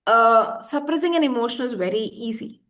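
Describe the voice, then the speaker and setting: Woman, high voice, earnest practitioner who leans on repetition. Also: lively intonation, normal speed, a bit bright. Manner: earnest, repeats words for emphasis. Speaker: EFT practitioner guest. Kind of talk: conversational explanation.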